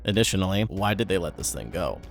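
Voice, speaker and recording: Low gravelly man with wry commentary. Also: big pitch swings, fast, soft background music. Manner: wry, sarcastic asides. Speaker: video commentator. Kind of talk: commentary on horror videos.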